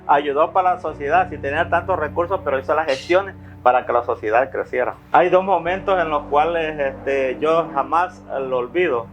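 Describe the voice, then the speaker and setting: A man's voice: a little high, fairly bright tone. A man in a documentary interview, reflectively telling stories about his late father, with frequent fillers. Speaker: interviewee, son of the subject. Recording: dull lo-fi sound with faint music.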